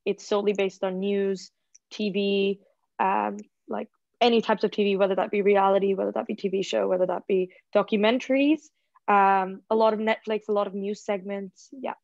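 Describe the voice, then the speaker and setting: A woman's voice: mid-range voice, steady tone, normal speed, gravelly, a little mellow, no room sound. A woman of twenty-one from Singapore, a student presenter chatting casually about her courses on a video call, full of likes and ums. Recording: dull, lo-fi video call audio.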